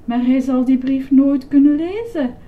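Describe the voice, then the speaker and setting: A woman's voice: sits high, unhurried, narrow, tinny audio, voice pushed up. A woman voicing a dramatic, lovesick young princess in a storybook, theatrical and sighing.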